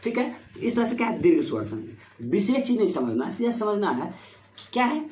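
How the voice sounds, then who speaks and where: A man explains grammar rules for exam students in a lesson, his voice sitting high for a man. He keeps posing rhetorical questions and answering them himself. The room adds a clear echo, with a faint hiss underneath. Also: very animated, brisk, a little mellow. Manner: repetitive rhetorical questions, "ठीक है" fillers. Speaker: Hindi grammar teacher. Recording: echoey room with faint noise.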